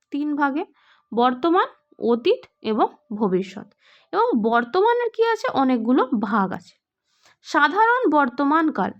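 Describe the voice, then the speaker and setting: High-voiced female exam tutor, question-and-answer explaining, muffled lo-fi recording. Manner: explanatory, asks questions then answers them. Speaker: exam prep teacher. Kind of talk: online grammar lesson.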